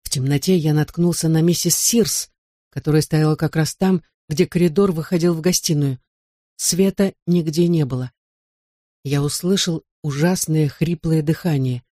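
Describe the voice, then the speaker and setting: A man reading a first-person audiobook in a measured, even storytelling manner. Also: on the high side, dry recording, studio quality. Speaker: audiobook narrator.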